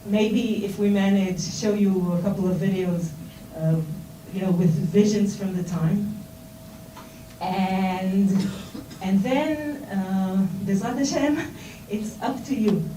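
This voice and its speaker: In a recording that is roomy, distant and noisy, a middle-aged Israeli woman gives an informal talk to seminar students. Her mid-range voice is slow and dark-toned, and her Hebrew-accented English has many fillers and restarts.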